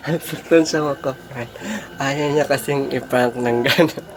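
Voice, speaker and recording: A woman hosting a casual couple vlog, teasing her partner and laughing often. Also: rumbling low. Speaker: couple vlogger, host. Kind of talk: casual vlog chat with viewers. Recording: loud background music.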